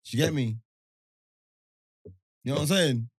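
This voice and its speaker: A man's voice: mid-range voice, moderate pace, husky, no room sound. A man with a London roadman accent telling stories in casual podcast banter, heavy on street slang and tag questions. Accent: London, urban roadman street slang. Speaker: podcast host. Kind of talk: casual chat, storytelling banter.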